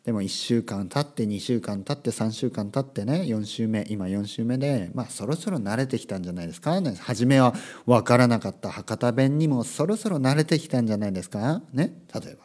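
A man's voice: medium pitch, animated, fairly quick, few pauses, a little mellow. A Japanese man hosting a casual solo podcast as a language teacher, talking emphatically and repeating his key words. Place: lives abroad, recorded solo.

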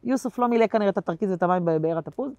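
A woman comedian telling stories as an interview guest. Her delivery is animated and swings between loud bursts and quiet asides, with slangy fillers throughout. Her voice sits at an ordinary mid pitch, and the recording is dry and close. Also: no room sound. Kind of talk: casual interview chat.

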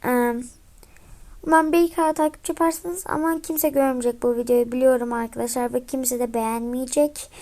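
A young woman, sounding a bit sick, giving chatty, excitable commentary over her gameplay and often dropping to a mutter. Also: high-pitched, normal speed. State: slightly sick voice. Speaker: gaming vlogger.

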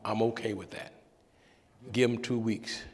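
A man voicing an older male pastor with a deep, calm and measured voice, giving steady instructions. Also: long reverb tail. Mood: calm instructing.

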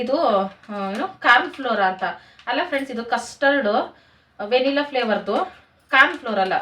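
A woman's voice: mid-range voice, a bit bright, recorded from a distance. A woman with a rural Karnataka Kannada accent, chatting casually to her viewers as friends in a home cooking vlog. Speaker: home vlogger. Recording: roomy home room, off-mic, faint noise.

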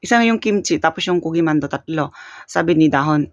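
A woman's voice: low voice, a little fast, dry recording. Chatty Filipina woman vlogger. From Philippines. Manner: chatty, laughs often, trails off with fillers. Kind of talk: casual storytelling vlog. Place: home in Korea.

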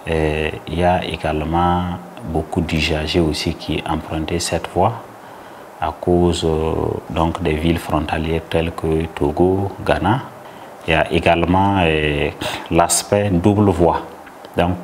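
A man with a Burkinabè French accent giving an interview answer, halting with many fillers. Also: sits low, slight background noise.

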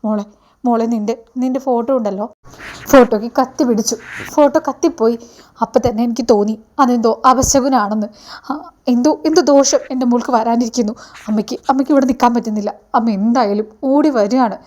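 A woman's voice: a little high, quick pace, darkish tone, natural voice. A woman voicing a frightened mother who pleads and stammers in panic, within a spoken retelling of a TV serial. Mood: frantic. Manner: frantic, pleading, stammering repeats.

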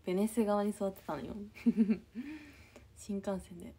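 Young woman, idol streamer reading comments, husky, mellow, sleepy half-whispered chat. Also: fairly even intonation, normal speed. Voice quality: husky, a bit low. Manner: just-woken, soft and drowsy, often near-whispered. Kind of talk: casual livestream chat.

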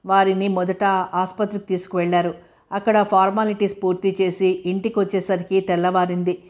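A woman reading a novel aloud as an audiobook narrator, in a steady, even storytelling voice. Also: medium pitch, a little fast. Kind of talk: scripted narration.

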